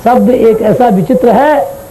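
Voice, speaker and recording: High-voiced, mellow man giving a religious discourse. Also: measured pace, slight background noise, poor audio. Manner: storytelling with acted dialogue and chanted Sanskrit.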